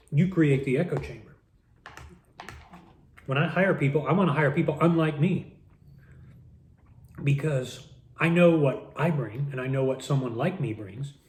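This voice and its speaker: Man, vlogger type, warm low-key voice, musing monologue while eating, echoey room. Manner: musing, talks with mouth full, repeats words. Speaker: vlogger eating a meal on camera.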